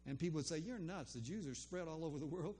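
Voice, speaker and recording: This older storyteller speaks fast in a slightly high, somewhat mellow voice, and a little hiss or hum sits under the audio. His personal faith story, a casual testimony about a conversation, rambles along full of ums and false starts.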